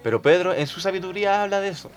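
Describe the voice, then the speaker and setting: A man's voice: sits high, very fast, soft background music. Man retelling Bible stories. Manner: conversational, retelling Bible passages with restarts. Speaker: podcast co-host.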